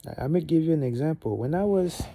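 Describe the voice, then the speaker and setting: Quick-paced and on the high side, the voice belongs to a young Gabonese man, French by mother tongue, vlogging a casual motivational chat. He rambles, backtracks, fills gaps with fillers, and gets animated when making key points.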